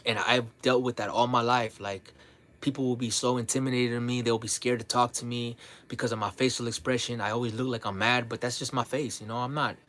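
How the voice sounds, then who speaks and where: A man talking casually to his livestream audience, relaxed and blunt, sprinkling his talk with "man" and "bro", often repeating and restarting his words. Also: medium pitch, a little fast. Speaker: livestream host.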